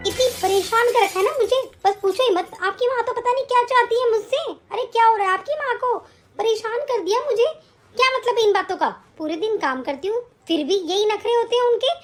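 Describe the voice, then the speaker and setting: A woman voicing a sly young daughter-in-law in an animated story, indignant and protesting. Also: very high voice, brisk, faint music behind. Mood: defiant.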